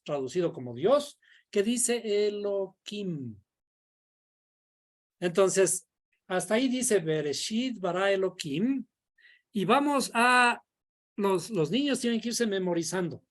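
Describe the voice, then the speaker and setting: A woman's voice: mid-range voice, very animated. A woman teaching a Bible study class in a classroom, explaining step by step and quizzing her students. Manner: slow, deliberate, quizzing the class. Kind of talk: classroom lecture. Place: classroom, indoors.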